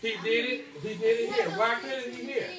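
With a very high voice, fairly even intonation and a normal speed, a male teacher in his thirties reads aloud to his pupils and frequently checks their understanding, tagging lines with "okay." The questions-and-reading session happens in an indoor school classroom. It was filmed on a phone by someone across the room, giving a distant, echoey, noisy sound.

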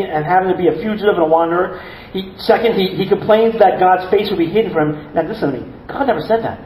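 A male pastor delivers a sermon with earnest conviction, often doubling words and tossing in rhetorical asides. His voice sits fairly high. The recording carries the roomy echo of a church and a faint background hum. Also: darkish tone.

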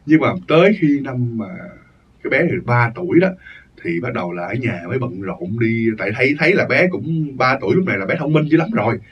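A man's voice: medium pitch, expressive, a little fast, husky. A man telling a ghost story in a casual, rambling way, repeating phrases for emphasis. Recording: dull lo-fi recording, distant mic.

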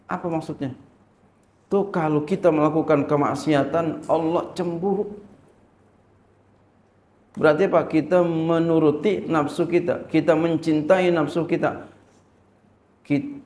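A man's voice: on the high side, darkish tone, roomy sound. A male Islamic teacher teaching a religious lesson. He reads Arabic text, translates it and asks rhetorical questions.

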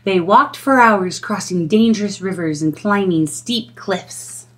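A middle-aged woman reading a children's storybook aloud in an expressive storytelling style. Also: medium pitch, measured pace.

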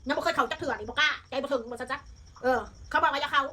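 A woman's voice: high voice, steady tone, very fast, sharp tone. A woman with an Isan Thai accent chatting casually and bluntly in coarse, informal speech. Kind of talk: casual chat.

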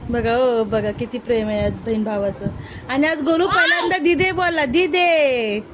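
High-voiced chatty woman vlogger. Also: normal speed, very noisy. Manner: chatty, talks to viewers and coaxes children. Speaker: family vlogger. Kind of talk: casual family vlog narration.

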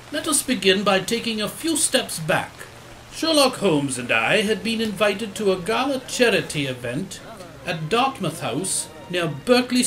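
Man playing high-voiced, lively Doctor Watson. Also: heavily acted, rough recording. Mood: storytelling. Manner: jovial, courteous, storytelling. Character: genial, theatrical gentleman doctor telling a tale. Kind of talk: audio theatre acting.

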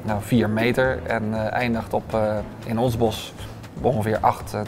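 A man in his thirties, a restaurant owner, answering interview questions with many hesitant filler sounds, recorded on a lapel mic in a bright restaurant dining room. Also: fairly low pitch, flat delivery, normal speed, background noise.

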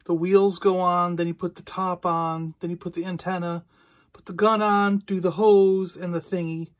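A man's voice: high-pitched, level tone, normal speed. A man hosting a casual toy unboxing, rambling easily as he handles the pieces and talks through them. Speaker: toy reviewer and podcast host.

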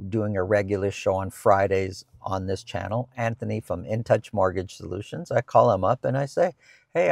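A man's voice: fairly low pitch, gravelly, dry recording, studio quality. A middle-aged man, a real estate agent, answering viewer questions in casual chat from a parked car, explaining with frequent restarts and repeated words. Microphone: lapel mic.

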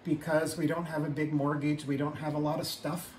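A man in his fifties talks a little fast, his fairly high, darkish voice showing little pitch movement, as he gives a casual, matter-of-fact tour of his wood-paneled tiny house. He explains plainly and frequently says um. A camera a few feet away records him, leaving the sound roomy, slightly distant and faintly hissy.

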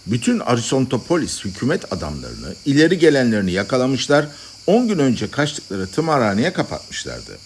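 A man narrating a satirical story as an audiobook reader, with an expressive, dramatic delivery. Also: mid-range voice, moderate pace, a little hiss or hum.

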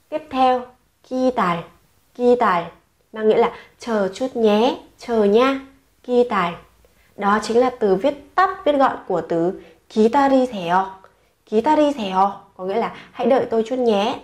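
A woman teaching Korean slang to learners in the second person, saying each word several times before explaining it. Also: mid-range voice. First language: Vietnamese.

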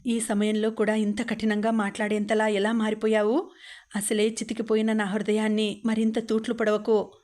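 A wounded young mother, voiced by a woman narrator, pleading through tears yet holding firm. The pitch stays narrow and even, held in a middle register. It reads as a storybook telling. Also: moderate pace, natural voice. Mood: anguished. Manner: pleading, tearful. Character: young woman, new mother, anguished and defiant.

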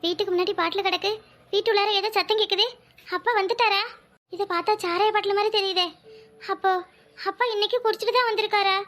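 Earnest cartoon teen girl, very high and bright, southern Tamil Nadu accent, pleading, as a woman voices her. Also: fairly even intonation, quick pace. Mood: worried. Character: earnest teenage schoolgirl, top student. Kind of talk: cartoon voice acting.

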